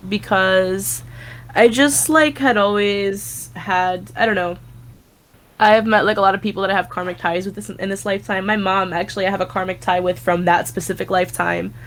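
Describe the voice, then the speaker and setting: A woman's voice: medium pitch, steady tone, moderate pace, fairly bright tone. A young woman, a guest psychic, talking casually over a remote call in a loose, rambling way, full of fillers and the odd swear word.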